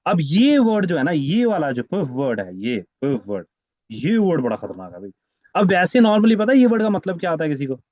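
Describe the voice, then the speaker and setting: A man's voice: a little high, sing-song, moderate pace, a little mellow, no room sound. Patient man teaching on a muffled call. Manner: patient, repeats words many times. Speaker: French teacher. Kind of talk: online class teaching.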